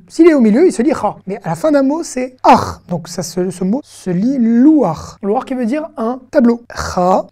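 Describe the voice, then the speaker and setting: A woman's voice: medium pitch, mellow. A woman teaching an online language lesson, patiently sounding out syllables and checking in with her students. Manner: patient, repeats sounds slowly, checks in with listeners. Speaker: Hebrew teacher.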